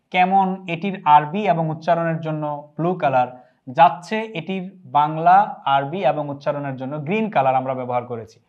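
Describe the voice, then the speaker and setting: Patient high-voiced male tutor. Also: narrow, tinny audio. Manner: patient, repeats phrases slowly and clearly. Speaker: language teacher. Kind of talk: online lesson explaining phrases.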